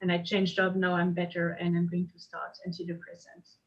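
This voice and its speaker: A woman's voice: on the low side, completely flat delivery, brisk. A woman speaking openly and outspokenly in a casual online group discussion. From France. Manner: outspoken, open. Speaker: participant. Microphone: video call. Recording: dull lo-fi video call audio.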